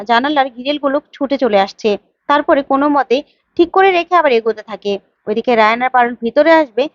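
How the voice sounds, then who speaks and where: Rapid high-voiced woman narrator. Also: dry recording, dull audio. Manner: rapid plain storytelling. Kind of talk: retelling a TV serial episode.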